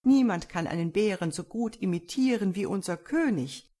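A woman voicing a vain old duke who hushes his daughter and showers flattery on the king, in a storybook reading. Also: medium pitch, moderate pace, close to an everyday voice. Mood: soothing. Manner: fawning, hushing, eager.

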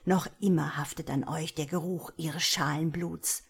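A woman's voice: sits low, fairly even intonation, measured pace, slightly rough, heavily acted. A woman voicing a ruthless male vampire prince who gives stern, threatening orders in an audiobook. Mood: stern rebuke. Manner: stern, commanding, rising to shouting.

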